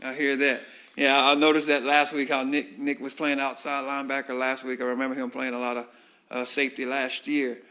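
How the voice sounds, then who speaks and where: A man conducts a halftime sideline interview. He asks friendly, rambling questions padded with fillers. His voice sits at an ordinary middle pitch. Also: level tone, brisk, bright, forceful tone. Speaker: sideline interviewer at a high school football broadcast.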